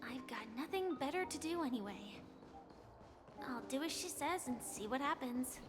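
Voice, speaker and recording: A woman voicing a cool, resolute, skeptical young woman in a video game, measured and matter-of-fact. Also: sits high, expressive, slightly rough. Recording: music behind. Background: game music.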